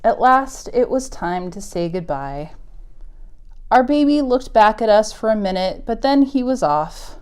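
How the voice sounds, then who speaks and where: This is a preschool storytime where a woman reads and talks to small children, keeping her phrases simple and encouraging and her emphasis exaggeratedly sing-song. Her voice is on the high side, expressive and darkish, with a clean tone. She speaks a little slowly.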